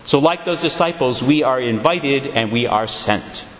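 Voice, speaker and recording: A man's voice: mid-range voice, a little hiss or hum. Preacher man in an echoey church. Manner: expressive, measured storytelling delivery. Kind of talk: sermon.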